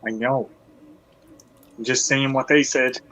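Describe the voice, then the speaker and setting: A man's voice: mid-range voice, steady tone, slow pace, pushed and bright. A man chatting casually. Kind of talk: casual chat.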